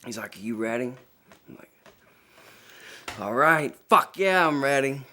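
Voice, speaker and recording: An actor playing a young soldier telling a wild story, profane and swaggering. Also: male voice, mid-range voice, fairly even intonation, a little slow, gravelly, fairly bright tone. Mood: brash. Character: brash young male soldier, reckless storyteller. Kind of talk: dramatic monologue.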